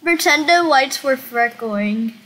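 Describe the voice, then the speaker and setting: A child with a high, animated voice speaks slowly while hosting a casual Roblox roleplay livestream, playfully steering the make-believe. The home recording is noisy, with clicks audible.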